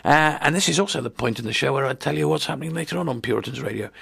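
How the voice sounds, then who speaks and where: A man's voice: mid-range voice, very fast, vocal fry, fairly bright tone, breathy edge, no echo. A man hosting a live local radio show, chatting casually and joking with many fillers. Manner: jokey, rambling with fillers. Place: broadcast from a stadium room.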